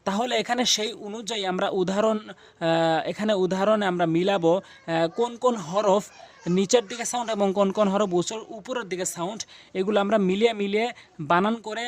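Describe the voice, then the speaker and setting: A man teaching Quran recitation, spelling out letters slowly and repeating each sound. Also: high-pitched, no echo. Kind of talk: recitation lesson.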